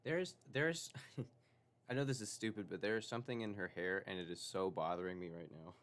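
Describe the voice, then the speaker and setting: A man's voice: low-pitched, normal speed. A man on a live stream reacting to a video with sarcastic, mocking commentary, often laughing as he talks.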